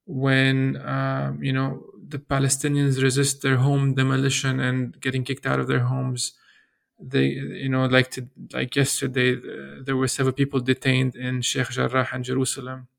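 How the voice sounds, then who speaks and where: Gravelly flat-voiced Lebanese-raised man. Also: mid-range voice. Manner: earnest, measured, with frequent restarts. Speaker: interview guest. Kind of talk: thoughtful interview answer.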